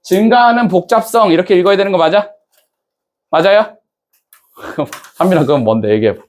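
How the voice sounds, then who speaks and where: A man with a fairly high voice lectures a class in a relaxed, chatty way. He keeps firing questions at the students and checking that they follow. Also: normal speed. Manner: casual banter-style speech to students. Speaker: English teacher.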